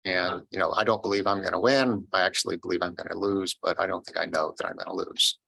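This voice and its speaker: A man's voice: low-pitched, steady tone, quick pace, creaky, bright, forceful tone, breathy edge, poor audio. A man in the audience asking a question after a talk, hesitant with many fillers.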